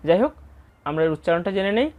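A woman teaching scripture pronunciation, patiently breaking words into syllables and chanting verses slowly. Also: lowish voice, big pitch swings, phone-quality sound. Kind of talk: explanatory lesson with slow recitation.

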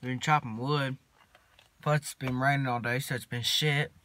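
A teenage boy, rambling casually to his phone camera from inside a parked truck, mumbling in a laid-back drawl with long pauses. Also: medium pitch, fairly even intonation, bright, forceful tone. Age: teens. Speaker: vlogger. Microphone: phone camera at arm's length.

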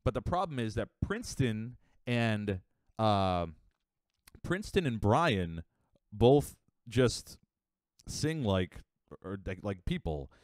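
A young man chatting casually on a live stream, rambling with fillers and quick asides. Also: fairly low pitch, big pitch swings, no echo, clean studio sound. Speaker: livestreamer.

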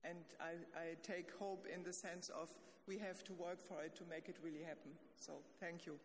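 A woman moderating a conference panel, introducing speakers slowly and with pauses. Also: on the low side, flat delivery. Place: conference hall. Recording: faint, distant, reverberant, noisy.

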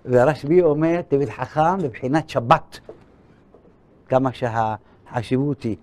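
A man's voice: medium pitch, darkish tone. An older man, a rabbi, giving a sermon, telling a story and acting out the dialogue in a raised voice. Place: school hall.

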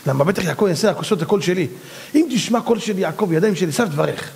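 A man voicing a scheming biblical hunter who plots against his brother, in a fast, hushed, conspiratorial tone. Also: sits high, lively intonation, gravelly. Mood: conniving.

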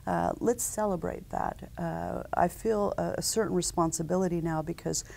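On a conference set, a female company founder in her forties answers interview questions through a lapel mic, keeping a measured, businesslike delivery punctuated by frequent ums and uhs. Her voice leans low, holds a steady tone, and sounds creaky and a little mellow.

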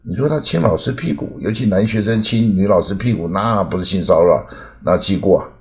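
一位来自台湾的男老师，以母语中文随口讲解美式英语发音，句尾常带"啊""嘛"，示范单字时放慢重复。. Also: male voice, sits low, a little mellow. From Taiwan. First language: Mandarin. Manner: chatty, fills with "啊" and "嘛", repeats words slowly to demonstrate. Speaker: English pronunciation teacher. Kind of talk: casual spoken lesson.

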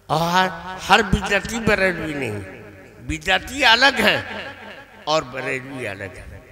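High-voiced man preaching slowly to a crowd. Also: sharp tone. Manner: storytelling, retorts in his own quoted speech. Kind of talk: sermon at a religious gathering.

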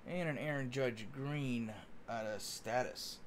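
A man's voice: medium pitch, slow pace, slight background noise. A man hosting a sports card break, giving casual running commentary in a chatty, folksy way, as if talking to friends. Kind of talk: casual running commentary while opening cards. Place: indoors at a card-covered table.

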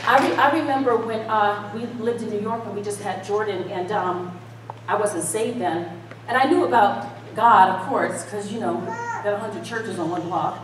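With a medium-pitched voice at normal speed, a middle-aged American woman speaks directly to her congregation in a folksy, emphatic, conversational sermon full of call-and-response. She is on an indoor church stage, and there is background noise, since a distant mic records her in an echoey hall with the audience murmuring.

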